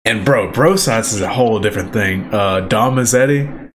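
A man's voice: lowish voice, normal speed, slight background noise. A young man co-hosting a podcast, rambling casually and saying "bro" a lot. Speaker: podcast co-host. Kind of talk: casual chat.

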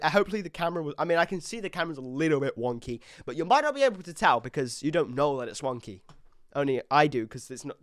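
An excitable young man hosts his own podcast, dropping in clumsy Portuguese as he goes. His pitch swings widely between words, and the recording is close and dry with no room sound. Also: dry recording. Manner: excitable, mixes broken Portuguese into English. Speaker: podcast host. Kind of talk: casual solo podcast chat. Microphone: desk mic on camera.

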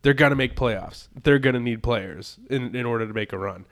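A man's voice: medium pitch, brisk. A man co-hosting a casual sports podcast, rambling and restarting his sentences as he talks. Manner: rambling, repeats words when starting a thought. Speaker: podcast co-host.

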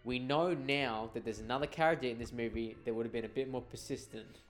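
A man on a podcast, calmly pointing out clever details in a film and steering the talk back on track. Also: mid-range voice, a little fast, faint music behind. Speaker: podcast co-host. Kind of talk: casual film discussion.

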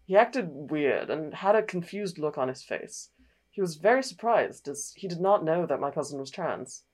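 A low, deep-set voice of a woman playing a young man telling his own story. The accent is put on for comedy, loosely Australian and sliding toward northern English. It is read aloud like a confession post. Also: lively intonation, moderate pace, darkish tone. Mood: earnest retelling. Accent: put-on, loosely Australian drifting northern English.

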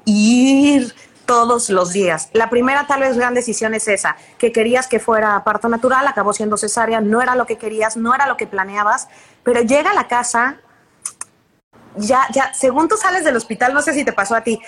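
Mexican woman host, husky voice, pitched a bit high, chatty long-winded questions. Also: fairly quick, fairly bright tone. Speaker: interview host. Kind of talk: conversational interview.

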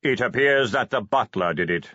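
Death speaks slowly and evenly, a patient skeletal being with dry wit, as a man reads him. The voice is a touch husky and close. The recording is dull and lo-fi, like an old audiobook. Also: medium pitch, animated, sharp tone, dry recording. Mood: dry, unhurried. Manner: slow, measured, dry. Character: Death, calm slow skeletal male being.

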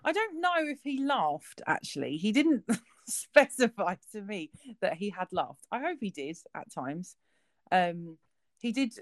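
A woman's voice: lowish voice, no echo. A woman in her late thirties with a southern English accent, co-hosting a casual podcast chat and telling rambling anecdotes full of ums. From south of England. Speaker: podcast co-host.

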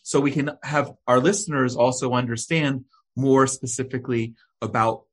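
Husky-voiced man hosting an interview. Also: mid-range voice, steady tone. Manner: warm, halting, with many ums and repeated words. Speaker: host. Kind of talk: hosted interview.

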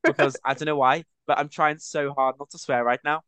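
A man's voice: a little high, fairly even intonation, fairly quick, a bit bright, smooth, no echo. A young man guesting on a podcast, bantering playfully and joking around. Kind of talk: casual chat.

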